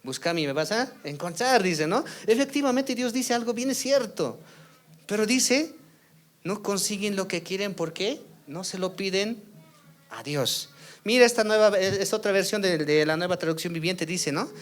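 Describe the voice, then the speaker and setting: Casual guy preaching at church, voice sits a bit high, keeps asking the crowd "no?" and goes loud then quiet. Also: animated, moderate pace. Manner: rhetorical questions with tag "¿no?", swings from loud to soft. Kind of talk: sermon. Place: church service.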